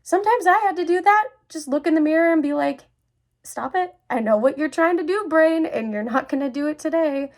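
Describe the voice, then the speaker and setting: A woman in her twenties with a high voice hosts a vlog, speaking briskly. She talks to viewers in a casual, personal, reassuring way, as if chatting.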